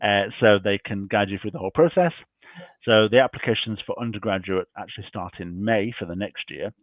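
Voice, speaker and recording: Here a man whose voice sits on the low side talks a little fast as he presents university admissions information online, moving through the slides point by point even as he loses his voice. No room sound comes through the tinny, dry call recording.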